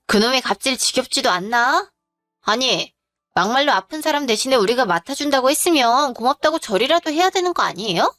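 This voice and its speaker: A woman's voice: high-pitched, animated, a little fast, fairly bright tone, dry recording, clean studio sound, soft background music. A woman doing a snippy, entitled sister-in-law. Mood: mocking. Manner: snippy, mocking retorts. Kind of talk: audio drama narration.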